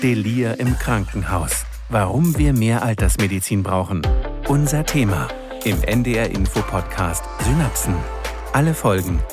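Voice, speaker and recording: Brief: male promo narrator, lowish voice, music underneath. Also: animated, a little slow.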